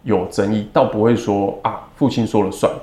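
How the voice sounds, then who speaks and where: A man in his thirties with a Taiwanese Mandarin accent, speaking as an interview guest in a measured, reflective way with many fillers. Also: lowish voice, fairly even intonation, mellow. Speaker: second-generation family business heir. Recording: roomy echo.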